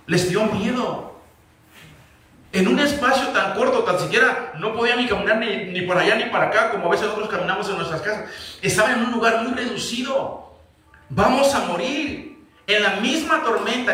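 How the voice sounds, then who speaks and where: Pastor, man, high and bright, preaching with volleys of rhetorical questions; church hall echo, mic set back. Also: far from the mic. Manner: asks the congregation repeated rhetorical questions. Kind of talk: sermon. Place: church sanctuary.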